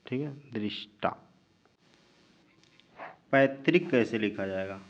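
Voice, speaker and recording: A male teacher giving a spelling lesson, drawing out each word slowly and answering his own questions. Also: on the low side. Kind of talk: spelling lesson while writing on a board. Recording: dull lo-fi recording with mains hum.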